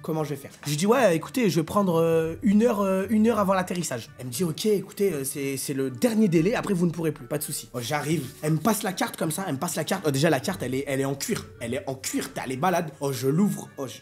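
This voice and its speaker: Jeune homme conteur survolté, argot français. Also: male voice, on the high side, expressive, quick pace, few pauses. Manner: slangy, jokey, acts out people with shouted bursts. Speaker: streamer telling travel stories. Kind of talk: animated storytelling on a live stream. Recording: faint music behind.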